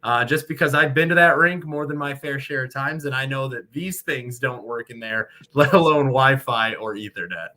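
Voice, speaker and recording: Speaking at a moderate pace with hardly any pauses, this Michigan-born American man has a mid-range voice and a sharp tone. He's a sportscaster and radio play-by-play broadcaster, chatting at length in a relaxed way as an interview guest.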